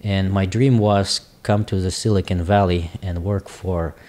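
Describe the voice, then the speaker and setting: Russian guy in his 40s, slow careful english, kinda low voice, guest on a podcast. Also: steady tone, mellow. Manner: halting, searching for English words. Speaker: guest, business owner. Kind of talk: casual interview talk.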